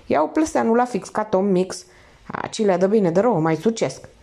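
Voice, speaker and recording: A brash, mocking street thief rattles off slang, his voice leaping up and down. A woman reads him aloud in an audiobook. The tone stays mellow and dark under the swagger. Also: mid-range voice, animated, gravelly, pitched above the performer's own voice. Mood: scoffing.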